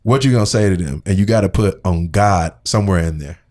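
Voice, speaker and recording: A man's voice: deep voice, fast talker, darkish tone. A man co-hosting a casual podcast chat, playful and slangy, often laughing as he tells stories. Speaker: podcast co-host.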